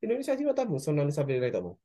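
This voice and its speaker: Man, Japanese, mellow tone, animated pitch, hesitant fillers. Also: racing. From Indonesia. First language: Indonesian. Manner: speaks Japanese as a second language with hesitant fillers and self-corrections. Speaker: guest, nurse. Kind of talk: casual interview chat.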